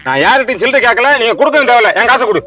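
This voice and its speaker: A man's voice: extremely high pitch, lively intonation, rapid-fire, pushed and bright, soft background music, heavily acted. A man acting a fussy passer-by who keeps begging two friends for change, in a whiny, pleading way. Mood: exasperated.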